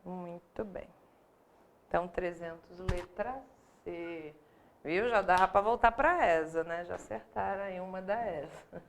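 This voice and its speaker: A woman's voice: on the low side, measured pace, a little hiss or hum. A Brazilian woman teaching Portuguese grammar in a live online exam-prep lesson, explaining step by step and often checking in with the class.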